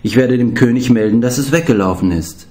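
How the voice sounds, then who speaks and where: A man reading a storybook, voicing a dignified male swan messenger who murmurs gravely and frets. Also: mid-range voice, brisk, warm tone, natural voice. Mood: grave, worried. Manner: solemn, fretting murmur.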